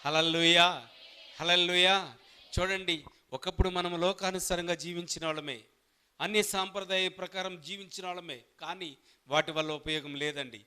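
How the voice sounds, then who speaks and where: Guy preaching a sermon, high bright voice, throws questions at the crowd and answers them, gets loud then drops soft. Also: fairly even intonation, a little fast, clean tone. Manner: calls on the congregation to shout along; asks the listeners questions and answers them himself. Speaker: pastor.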